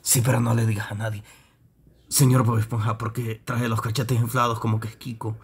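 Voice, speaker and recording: A man's voice: mid-range voice, flat delivery, brisk, breathy edge, voice pushed down. A man playing a show host who teases and scolds his guests. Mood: mocking. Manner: teasing, mock-stern emcee. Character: gruff mocking male show host.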